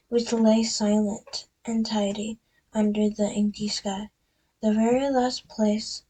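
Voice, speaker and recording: A woman reading a book aloud in a soft, half-whispered voice, often stopping to correct herself. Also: mid-range voice, breathy edge, low-quality recording. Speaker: storyteller.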